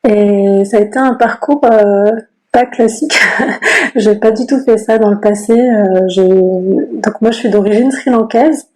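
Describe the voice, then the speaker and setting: A woman's voice: medium pitch, a little slow, low-quality recording. A woman in her thirties, a guest on a podcast, talking casually with frequent laughs and fillers. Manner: relaxed, laughs often, many fillers. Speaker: guest, Ayurveda practitioner. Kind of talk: casual conversation.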